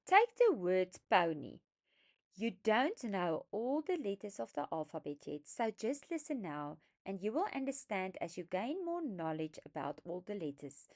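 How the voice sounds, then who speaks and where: A woman explaining a phonics lesson, speaking deliberately and stressing each sound as she sounds out words for young learners. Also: medium pitch, very animated. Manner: slow, deliberate, emphatic teaching voice, sounding out words. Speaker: phonics teacher trainer. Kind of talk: instructional lesson narration.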